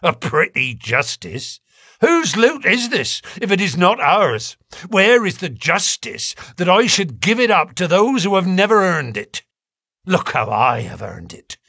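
A man's voice: medium pitch, very animated, a little slow, sharp tone, no echo, voice pushed up. Guy putting on a snarly defiant convict, voice jumps all over, dry close sound. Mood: furious. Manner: snarling, impassioned. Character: bitter defiant male convict, middle-aged.

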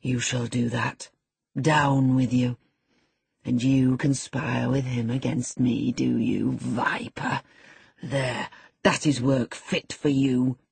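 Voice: medium pitch, level tone, slow pace, gravelly, darkish tone, slightly rough, full character voice. A reader voicing a brutal, scornful man who barks commands and insults in an audiobook. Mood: menacing. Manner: harsh, commanding, contemptuous. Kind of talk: audiobook character voice.

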